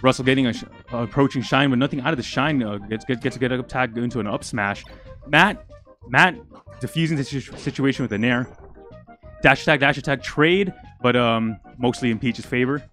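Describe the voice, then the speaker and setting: A young man giving live, excitable commentary on a fighting game match, out of breath and stumbling over his words. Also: mid-range voice, a little fast, soft background music. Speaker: esports commentator.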